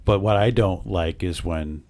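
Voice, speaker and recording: Dogs sleep nearby as this podcast co-host records a casual show with his partner in their home. His low, slightly mellow voice moves a little slowly in a dry recording, earnestly arguing his case before upbeat delivery of the show plugs.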